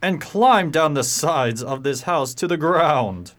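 A man's voice: fairly high pitch, animated, slow, fairly bright tone. A man playing a grumbling, blunt old cab horse with a gloomy, dramatic manner in a radio play. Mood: stubborn, dry.

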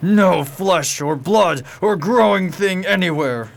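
A man's voice: high-pitched, slow, gravelly, a little hiss or hum, exaggerated voice. A man playing a grumbling, blunt old cab horse with a gloomy, dramatic manner in a radio play. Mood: gloomy, wary.

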